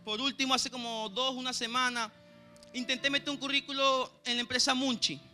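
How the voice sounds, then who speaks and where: A church pianist with a Venezuelan Spanish accent preaches a sermon and shares his personal testimony, earnestly stopping again and again to ask "¿sabe, hermano?". His voice is very high, sharp and level, brisk in pace, with faint music behind him.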